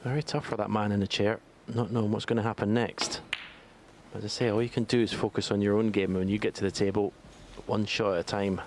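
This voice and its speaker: Low male voice doing quiet hushed snooker commentary, deliberate, some noise behind. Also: flat delivery.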